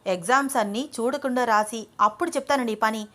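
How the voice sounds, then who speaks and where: A woman's voice: on the high side, fairly quick, close to an everyday voice. A woman voicing a headstrong young wife and student who answers back in a pouty, defiant way. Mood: sulky.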